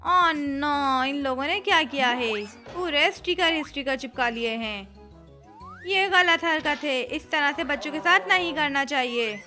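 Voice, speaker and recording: A woman speaks a family comedy skit in a high, bright voice. She sounds playful and exclaims often. She takes her time over each line while faint music plays behind her. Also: animated, a little slow. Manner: playful, exclamatory, talks to a child. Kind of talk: scripted comedy skit dialogue.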